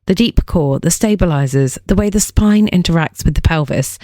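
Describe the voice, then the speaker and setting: A woman's voice: on the low side, normal speed, dark tone, dry recording, clean studio sound. A woman fitness coach hosting a scripted podcast explainer, delivering punchy lines with playful joking asides.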